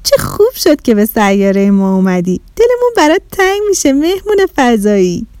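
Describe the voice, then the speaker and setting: A woman voicing a cheerful, polite young village girl in a children's story, eager and quick to explain. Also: fairly high pitch, big pitch swings, darkish tone, no echo. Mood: excited.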